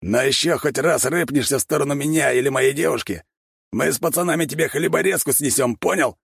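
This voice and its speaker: A man's voice: fairly high pitch, a little fast, gravelly, husky, dry recording, clean studio sound, pitched above the performer's own voice. A man voicing a brash, arrogant young wolf thug who growls threats in an audiobook. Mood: swaggering.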